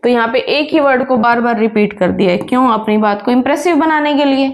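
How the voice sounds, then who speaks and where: A woman teaching an English lesson with an Indian accent, switching between Hindi and English, asking her students rhetorical questions and reading definitions out slowly. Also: on the high side, creaky. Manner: reads definitions slowly, explains quickly. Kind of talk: exam-prep lesson explanation.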